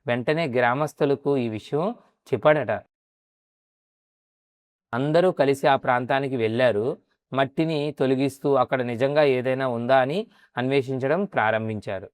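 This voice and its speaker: A man's voice: mid-range voice, normal speed, long pauses, clean tone, no echo, clean studio sound. A man narrating a temple's story and then guiding viewers around it in a polite, casual way. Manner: polite, adds a respectful "andi" often while showing the site. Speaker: travel vlogger and temple guide. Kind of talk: narration and casual guided tour.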